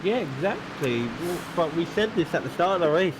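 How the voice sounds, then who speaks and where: A man as co-commentator on a sim race, giving relaxed, easygoing analysis. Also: high voice, fairly quick, noisy background. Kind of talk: sim racing colour commentary.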